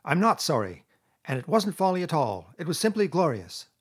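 Man voicing a flamboyant, excitable, high-pitched toad gentleman. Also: normal speed, slightly rough. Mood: sullen, defiant. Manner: emphatic, gushing, defiant. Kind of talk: storybook character reading.

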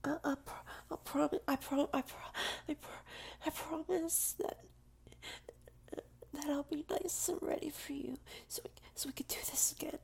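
A woman in an intimate audio roleplay takes the part of a clingy, submissive, tearful lover, her breathy, creaky whisper stumbling through repeated phrases. The voice is high and a little mellow with fairly even intonation, and her mood is apologetic and pleading.

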